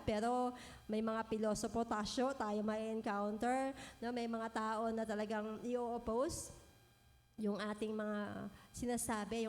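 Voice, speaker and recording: Woman, middle-aged, gentle sermon, tag questions, reverberant church hall. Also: mid-range voice. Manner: gentle, frequent "no po" tag questions, mixes English phrases. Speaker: preacher.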